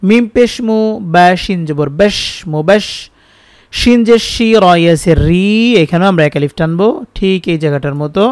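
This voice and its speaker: A man with a Bangladeshi Bengali accent teaching Quran reading, spelling each word letter by letter and then chanting the verses slowly. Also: high voice, darkish tone, clean tone, no echo, studio quality. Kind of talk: spelled-out Quran recitation lesson.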